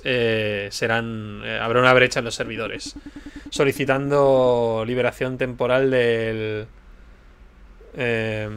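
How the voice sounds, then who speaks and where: A man reading aloud the lines of a machine that guards a video game world, in his own voice, slowly and with fillers. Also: medium pitch, pushed and bright, clear, resonant tone. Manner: slow, halting reading of game text.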